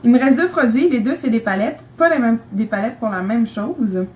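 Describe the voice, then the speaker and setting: A woman's voice: on the high side, expressive, moderate pace, darkish tone, poor audio. A young woman with a Quebec French accent, talking casually and enthusiastically about her makeup, rambling with lots of fillers. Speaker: beauty vlogger.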